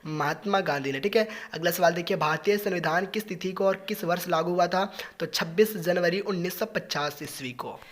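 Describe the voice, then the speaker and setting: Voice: medium pitch, normal speed, hardly any pauses. An exam-prep teacher runs through revision questions one after another. Each answer is followed by a repeated "okay, next question".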